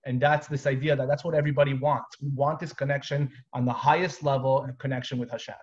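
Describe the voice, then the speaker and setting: Energetic man teaching over a video call. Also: mid-range voice, fast talker. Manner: energetic, explains step by step, casual asides. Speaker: Torah teacher. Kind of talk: live online Torah class. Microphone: webcam on a video call. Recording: dull lo-fi video call audio.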